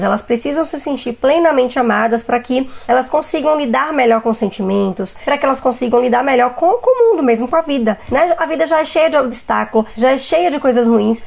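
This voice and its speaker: A woman's voice: high voice, creaky. A Brazilian woman pediatrician in her thirties giving parenting advice on a live stream, explaining patiently and speaking to viewers directly. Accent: Brazilian Portuguese. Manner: warm explanatory advice, addresses viewers as "gente".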